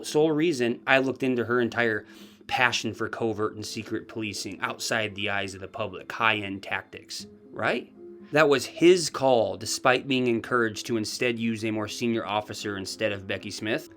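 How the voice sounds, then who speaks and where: A man's voice: fairly low pitch, normal speed, fairly bright tone, soft background music. A man delivering scripted true crime commentary, pressing skeptical questions with pointed emphasis.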